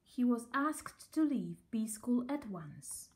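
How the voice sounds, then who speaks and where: A woman reading a children's story aloud as an expressive storyteller. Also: a little high, takes it slowly.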